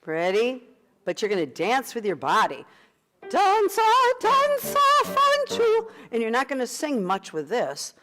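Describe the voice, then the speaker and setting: A woman's voice: mid-range voice, big pitch swings, normal speed, faint music behind. A woman with a Midwestern accent coaching a choir in rehearsal, breaking into sung lines to demonstrate. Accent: Midwestern American. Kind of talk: rehearsal instruction.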